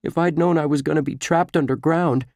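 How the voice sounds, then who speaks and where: A man doing a whiny excitable young boy. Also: a little high, a little fast, no echo, voice pushed up, close to an everyday voice. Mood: eager.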